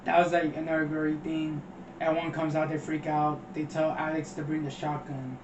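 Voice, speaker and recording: Male co-host, high-pitched, chatty scene recaps with laughs, roomy distant lo-fi sound. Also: monotone, a little fast. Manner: loose, laughing retelling with quoted voices. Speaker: podcast co-host. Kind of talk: casual movie review chat. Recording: dull, far-off roomy mic with faint noise.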